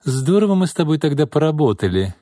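A man's voice: a little high, big pitch swings, fast talker, warm tone, dry recording, clean studio sound, pitched above the performer's own voice. A male narrator voicing a gossipy female TV reporter who speaks in a sweetly insinuating, conspiratorial way. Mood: sly.

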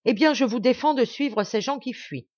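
A woman's voice: normal speed, dry recording, dull audio, lightly acted. Woman voicing a proud, cool young marquis. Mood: commanding. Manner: calm, restrained, then shrill and cutting.

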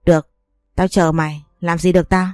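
A woman's voice: on the low side, little pitch movement, a little fast, a little mellow, dry recording, studio quality, soft background music, close to an everyday voice. A woman reading the lines of a cold, taunting male rival.

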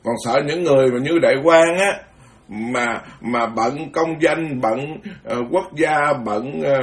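A man's voice: a little high, takes it slowly, recorded from a distance. A male Buddhist monk gives a blunt, frank, scolding dharma talk and chants sutra verses.

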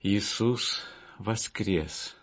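A man's voice: on the low side, extremely slow, muffled recording. A man voicing the disciple Peter in a storybook, telling what he saw with eager earnestness. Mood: earnest.

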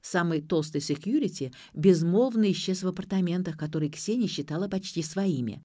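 A woman narrating an audiobook with expressive, lively storytelling. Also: on the low side, fairly quick, dry recording, studio quality. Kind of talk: audiobook reading.

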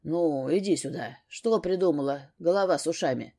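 A woman voicing a blunt middle-aged father who speaks low and grumbles in an audiobook. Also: normal speed, mellow. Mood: soothing.

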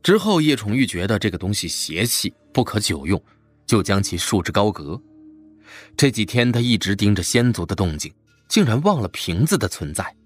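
A man narrating a fantasy web novel in an expressive storytelling style. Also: fairly low pitch, moderate pace, faint music behind. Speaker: audiobook narrator.

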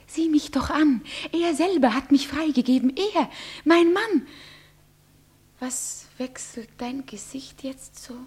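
An actress playing a frightened young bride who pleads in a breathy, often whispered voice, in a classic radio play. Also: female voice, high voice, slow, darkish tone. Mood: pleading. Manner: pleading, trembling.

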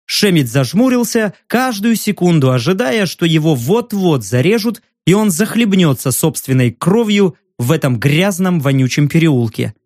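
A man reading a dark fantasy audiobook with expressive storytelling. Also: a little high, moderate pace, hardly any pauses, no room sound, clean studio sound. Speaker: audiobook reader.

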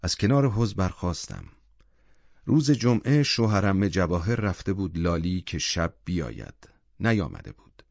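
A male audiobook narrator with a somewhat low voice, reading calmly and at a measured pace. The recording is dull and lo-fi. It is completely dry, with no room sound. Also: gravelly, no echo.

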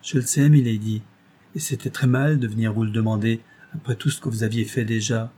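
A timid young innkeeper's wife from an audiobook, as a male reader voices her, humble and always apologizing. The voice is warm and dark, slightly husky. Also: fairly low pitch, fairly even intonation, fairly quick. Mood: pleading. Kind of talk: audiobook reading.

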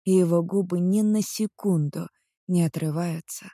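An audiobook narrator reading a first-person story in an expressive way and acting out heated dialogue. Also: mid-range voice, normal speed, no echo, clean studio sound.

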